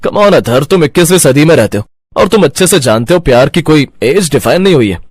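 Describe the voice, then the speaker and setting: A man voicing an easygoing young college student in an animated story. He talks in a casual, reasoning way, his voice a little husky. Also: fairly high pitch, fast talker, no echo, clean studio sound.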